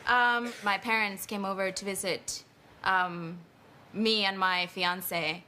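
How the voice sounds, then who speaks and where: A woman's voice: medium pitch, fairly even intonation, slow pace, pushed and bright. A woman, giving shy, brief answers from a studio audience. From Peru. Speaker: audience member, private chef.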